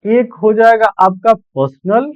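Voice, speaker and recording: Male teacher, high-pitched and slow, repeats and self-corrects; dry, tinny phone-line sound. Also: no echo. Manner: explains in Hindi mixed with English terms, repeats points, self-corrects. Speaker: English literature teacher. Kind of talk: exam-prep lecture.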